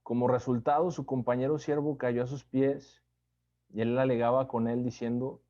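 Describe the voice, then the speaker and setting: A man giving a conversational Bible study sermon, unhurried, often checking in with listeners through tag questions. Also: mid-range voice, level tone, mellow, lo-fi sound.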